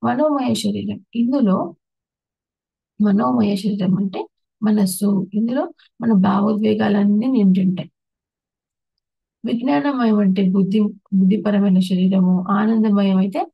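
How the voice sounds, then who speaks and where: A woman's voice: medium pitch, unhurried, gravelly, pauses often, husky, no echo, dull audio. A woman giving a patient spiritual talk on emotions and meditation, listing terms one by one and restarting her words. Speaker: meditation teacher.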